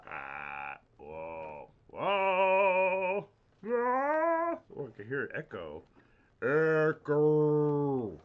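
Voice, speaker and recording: A man's voice: on the high side, huge pitch swings, very slow, smooth. Man echoing as if in a cave. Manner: playful, testing his sound aloud. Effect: echo repeating his voice. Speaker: live streamer. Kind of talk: casual live stream chat. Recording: dull lo-fi stream audio.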